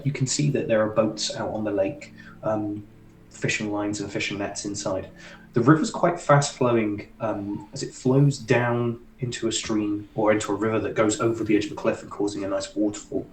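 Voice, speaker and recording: A man's voice: fairly low pitch, a little mellow, reverberant, a little hiss or hum, low-quality recording. A man narrating as dungeon master in a casual, rambling way, with lots of ums and likes. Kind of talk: narrating a tabletop game.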